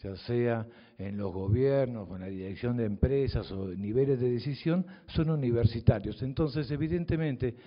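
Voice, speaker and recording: Speaking to an audience with deliberate pauses, an older mathematics teacher with a Southern Cone Spanish accent delivers a measured, reflective public speech that has a provocative edge. His voice is middle-pitched, and the large hall gives it a long reverb. The recording sounds somewhat dull and muffled.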